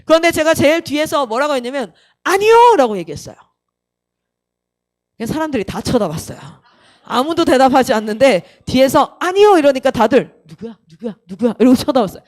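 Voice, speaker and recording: Animated high-voiced woman missionary telling her testimony. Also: fairly quick. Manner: lively storytelling that acts out other people's lines; addresses the audience with direct questions. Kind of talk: personal testimony talk to a youth camp audience.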